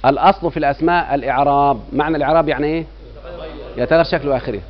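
A man's voice: a little high, racing. Egyptian man teaching grammar, quizzing students. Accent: Egyptian Arabic. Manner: keeps quizzing students with rhetorical checks. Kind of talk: classroom lecture. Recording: dull lo-fi recording.

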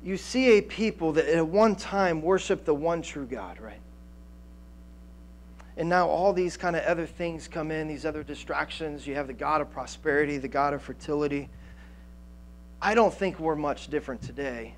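A man in his thirties preaching a sermon on a church stage through a headset mic, animated, with frequent restarts and fillers. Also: fairly high pitch, moderate pace, a little hiss or hum. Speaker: pastor. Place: church stage with band gear, indoors.

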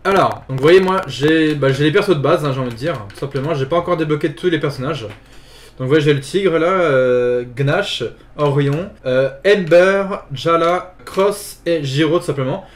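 Chatty gamer guy, slightly high voice. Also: moderate pace. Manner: chatty, filler-heavy, repeats "tout simplement"; excited yelps during fights. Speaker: gaming video host. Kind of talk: casual let's play commentary.

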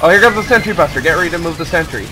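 A man's voice: fairly high pitch, racing. A young man hosting a gameplay video with friends, joking and rambling in casual commentary, with game sounds and voice chat behind. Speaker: gaming video host.

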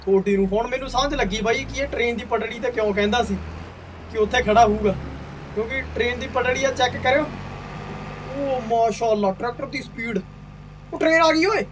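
Very high-pitched young man, hearty banter. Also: fairly even intonation, brisk. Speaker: gaming video host. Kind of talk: casual gameplay commentary. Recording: distant mic, faint background noise.

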